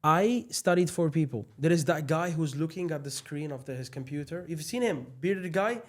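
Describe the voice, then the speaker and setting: Man, slightly high voice, explaining casually. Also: normal speed. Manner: explanatory, informal non-native English phrasing. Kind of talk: casual podcast conversation.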